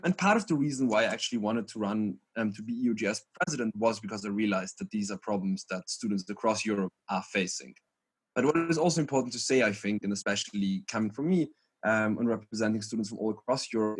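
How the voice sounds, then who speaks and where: A man's voice: fairly low pitch, fast, slightly rough. Earnest young man. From Vienna, Austria. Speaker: student union president. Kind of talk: panel discussion.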